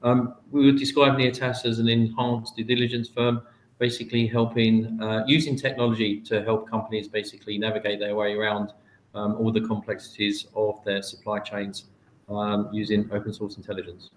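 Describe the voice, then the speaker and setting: A man's voice: on the low side, little pitch movement, moderate pace, roomy sound, slight background noise, poor audio. A man introducing himself as a company founder on a webinar panel, in a plain, businesslike way.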